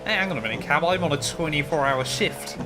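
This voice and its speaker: A man's voice: a little high, expressive, quick pace, music in the background. A man with a thick West Country English accent, chatting casually while sim racing on a livestream. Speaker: streamer and endurance sim racer. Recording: clear car engine noise behind. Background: car engine noise from racing game.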